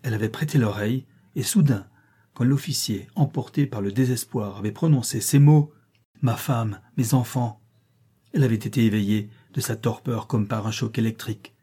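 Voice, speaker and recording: Man, audiobook narrator, dramatic reading, mellow dark voice, slightly husky. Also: mid-range voice.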